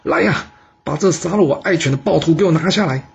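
A man's voice: lowish voice, lively intonation, a little fast, slightly rough, muffled recording, full character voice. A man doing a sly, cruel ancient king. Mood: furious. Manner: sly, fawning, shouting in rage. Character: scheming, cruel young male ancient ruler.

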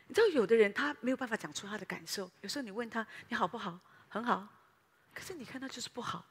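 A woman pastor, preaching a sermon in a lively storytelling way that speaks directly to the congregation. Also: fairly high pitch, breathy edge, long reverb tail. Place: church.

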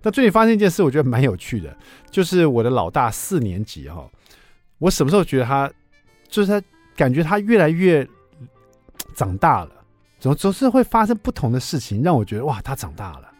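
A man, hosting a radio show and telling a story in a chatty, lively way. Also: mid-range voice, brisk, long pauses, no room sound, faint music behind. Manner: lively, chatty, asks listeners for agreement. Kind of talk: casual storytelling on talk radio. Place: radio studio.

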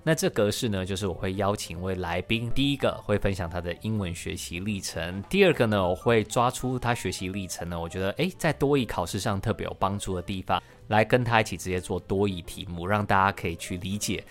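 A man, a podcast host who tells his own story as the guest in an animated way. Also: low-pitched, fairly quick, few pauses, faint music behind. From Taiwan. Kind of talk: podcast interview.

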